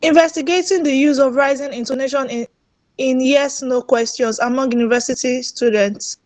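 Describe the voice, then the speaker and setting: A woman's voice: high-pitched, steady tone, moderate pace, a little mellow, no echo, low-quality recording. A young woman student, answering in class and politely calling her teacher sir.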